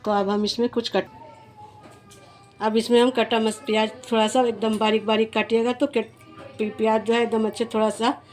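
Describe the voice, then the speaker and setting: A woman's voice: on the high side, flat delivery, normal speed, darkish tone, faint music behind. A woman, hosting a home cooking demonstration in a homely, repetitive way, often restarting her words. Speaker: cooking channel host.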